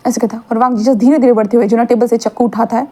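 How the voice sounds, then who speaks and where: A woman's voice: on the high side, fairly even intonation, racing, mellow. A woman narrating a fan-fiction story in a casual, rambling, chatty way, often correcting herself.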